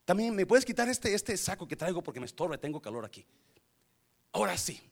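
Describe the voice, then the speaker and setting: A man's voice: high-pitched, sing-song, fairly quick, creaky, voice pushed up, full character voice. A preacher acting out a sleepy, easygoing apostle in jail who yawns and asks the guards to take off his sandals. He plays it in a raised, drowsy voice. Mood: sleepy, carefree.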